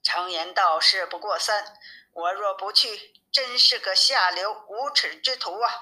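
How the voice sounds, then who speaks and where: A woman's voice: mid-range voice, a little slow, sharp tone, low-quality recording. A woman doing a brash monkey king. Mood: aggrieved.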